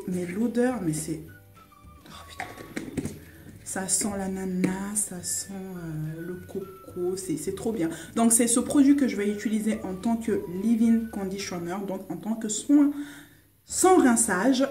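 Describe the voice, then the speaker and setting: A woman's voice: medium pitch, a little slow, warm tone, far from the mic, faint music behind. A young woman from France chatting casually through a product review, with many fillers and restarts. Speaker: beauty vlogger. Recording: echoey room, voice off-mic.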